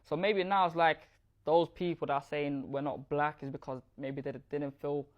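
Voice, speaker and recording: A man's voice: fairly high pitch, fairly even intonation, normal speed. A man answering interview questions, explaining his views in a thoughtful, casual way. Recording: dull lo-fi clip.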